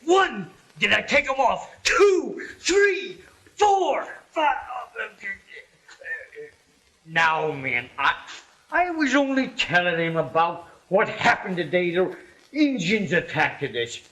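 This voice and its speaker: An actor playing a feisty, boastful old Western sidekick with a rural American drawl and a blustering, folksy manner. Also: male voice, high-pitched, big pitch swings, measured pace, sharp tone, full character voice. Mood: flustered. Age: older. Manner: blustering, folksy, prone to sputtering exaggeration. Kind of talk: old Western film acting. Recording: noisy old film soundtrack.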